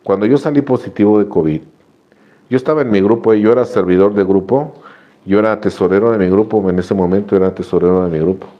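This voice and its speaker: A man's voice: lowish voice, fast talker, dull audio. A man giving an earnest personal testimony to a recovery group, telling his story with many repetitions and restarts. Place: radio broadcast.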